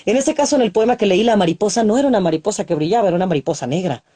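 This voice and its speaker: A woman's voice: medium pitch, very fast, husky. A woman, a poet and radio announcer, reciting poems and explaining reading aloud with many demonstrations, speaking from a broadcast booth over a video call. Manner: expressive, demonstrates voice techniques, frequent "¿no?". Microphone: studio microphone, remote video call.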